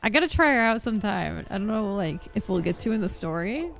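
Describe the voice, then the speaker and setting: Speaking fast in a gravelly, sing-song voice of medium pitch, a young female game streamer gives casual live commentary, wandering from thought to thought out loud. Faint game music can be heard behind her.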